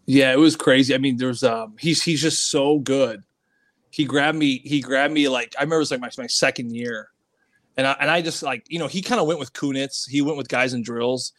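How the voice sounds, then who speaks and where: A man's voice: medium pitch, a little fast. A former pro hockey player, a man, guesting on a podcast and telling stories in a casual, rambling way with lots of fillers. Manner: rambling, animated, many fillers.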